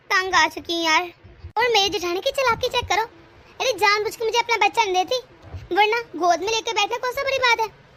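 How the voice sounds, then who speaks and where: A woman's voice: very high-pitched, pushed and bright. A woman voicing a lazy, scheming younger daughter-in-law in a cartoon family drama, constantly grumbling and complaining.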